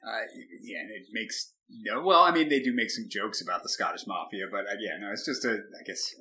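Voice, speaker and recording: Bright-voiced man, chatty co-host. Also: on the low side, brisk. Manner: chatty, laughs often, frequent restarts. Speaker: podcast co-host. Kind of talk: casual chat.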